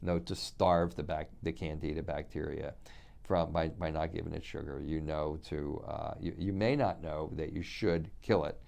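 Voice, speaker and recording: A man's voice: extremely low pitch, steady tone, moderate pace, creaky, a little mellow. A middle-aged man giving an unscripted health lesson to viewers, talking in loose, rambling sentences full of restarts and repeated words. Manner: addresses viewers directly. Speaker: functional medicine practitioner.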